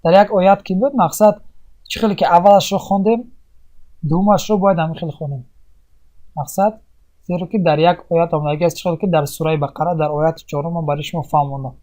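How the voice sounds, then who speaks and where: Mellow-voiced patient recitation teacher. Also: medium pitch, fairly even intonation. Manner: asks and answers own questions; explains step by step with many pauses. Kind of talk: tajweed lesson.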